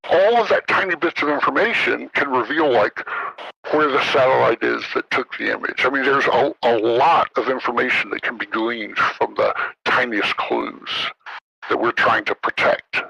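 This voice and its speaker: A man's voice: medium pitch, moderate pace, creaky, pushed and bright, breathy edge, lo-fi sound. A man speaking through a voice alteration that disguises his identity, a former military official talking carefully and hesitantly, with many ums and uhs, in a podcast interview.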